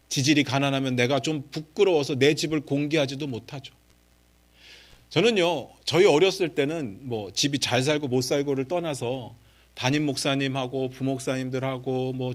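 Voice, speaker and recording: A middle-aged male pastor preaching a sermon, moving between quiet asides and raised, impassioned pleas and leading the congregation in reading scripture aloud. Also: fairly high pitch.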